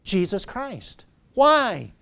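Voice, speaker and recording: Very animated but very slow, this middle-aged preacher's high voice is creaky and a bit bright. During his church sermon he leans on repetition and call-and-response exchanges with the congregation.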